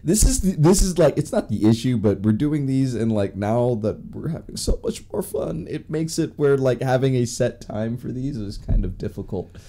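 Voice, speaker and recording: A man's voice: mid-range voice, expressive, normal speed, hardly any pauses, dark tone. A man hosting a podcast in casual chat, rambling with many restarts and fillers. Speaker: podcast host.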